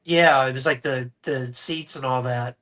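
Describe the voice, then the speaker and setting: A man's voice: mid-range voice, steady tone, measured pace, bright, forceful tone. A man co-hosting a casual live stream about toys, rambling and joking with plenty of fillers and restarts. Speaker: co-host.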